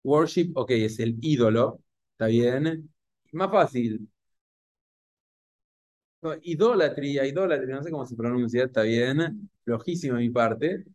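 A man with a Rioplatense Spanish accent giving a Torah class to an audience, animated and full of rhetorical questions. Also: mid-range voice, a little slow, pauses often, no room sound. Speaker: rabbi or Torah teacher.

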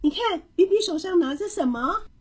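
A woman voicing a proud, gentle mother praising her son's drawing. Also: very high-pitched, expressive, normal speed, pitched above the performer's own voice.

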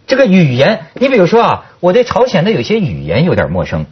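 Brief: male host, forties, husky, very lively pitch, slightly dull studio audio. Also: fast. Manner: chatty, expressive host. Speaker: talk show host. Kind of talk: casual panel chat.

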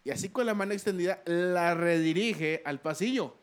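A man's voice: sits high, moderate pace, clear, resonant tone. A man co-hosting a podcast. He tells stories in a casual chat, acts out the voices of the people in them and laughs often. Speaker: podcast co-host.

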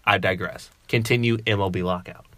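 A man talks sports on a podcast, his voice a little low yet bright and forceful. He rambles and cuts himself off, joking as he goes. The sound is dry and close to the mic. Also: brisk, no echo. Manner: animated, rambling, self-interrupting, jokey. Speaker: podcast co-host. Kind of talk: casual sports chat.

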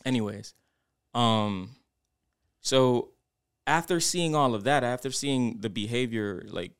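A man's voice: medium pitch, slow, clean tone, no echo, studio quality. A young man co-hosting a podcast, telling a personal story in a reflective, rambling way with lots of fillers. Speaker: podcast co-host. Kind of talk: casual podcast chat.

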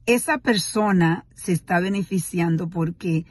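Earnest reflective woman, slow and breathy. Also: fairly low pitch, no echo. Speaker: speaker sharing a daily reflection. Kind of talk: personal reflective monologue.

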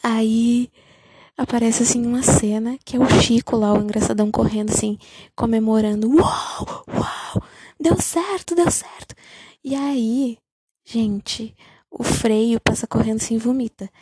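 Young woman, vlogger; sarcastic, incredulous recap delivery, mellow husky tone. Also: a little high, normal speed, no room sound. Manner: sarcastic, incredulous, animated retelling. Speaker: vlogger reviewing a film. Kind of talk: casual comedic recap.

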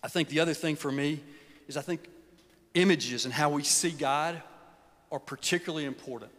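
A man's voice: on the high side, moderate pace, fairly bright tone. Folksy man preaching in a hall. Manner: folksy, earnest, drops to near whispers. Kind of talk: sermon. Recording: long hall reverb.

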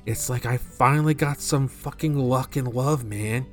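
A man's voice: medium pitch, measured pace, soft background music, close to an everyday voice. A man voicing an awkward but friendly working guy who stammers a little and talks casually. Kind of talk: amateur audio drama acting.

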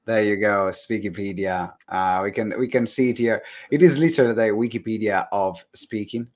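Animated Italian-accented male podcast host. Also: fairly low pitch, normal speed. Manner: animated, laughs easily, emphatic repetitions. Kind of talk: conversational interview.

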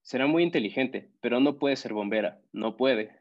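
A man voicing a tall, boastful schoolboy who talks loudly and scornfully, in an audiobook story on a slightly dull recording. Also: medium pitch, moderate pace, natural voice. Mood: smug. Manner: loud and scornful.

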